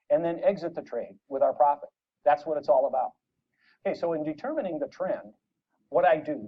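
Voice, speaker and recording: Husky guy explaining trading from an old video being re-recorded, sounds muffled and kinda far off. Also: on the high side. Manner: measured, explanatory teaching with analogies. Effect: re-recorded playback of an old recording. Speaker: trading instructor. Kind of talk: instructional lecture. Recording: muffled, distant re-recorded playback.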